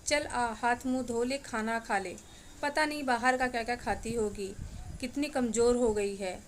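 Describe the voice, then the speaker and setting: A woman's voice: fairly high pitch, fairly even intonation, normal speed, a little hiss or hum, natural voice. Woman narrator voicing a worried mother for a spoken storybook, tender and fussing.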